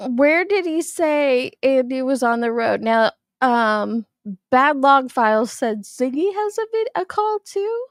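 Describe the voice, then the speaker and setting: Higher-voiced woman with a lisp and whistling s. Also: lively intonation, takes it slowly, no room sound, clean studio sound. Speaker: host. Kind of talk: casual livestream commentary.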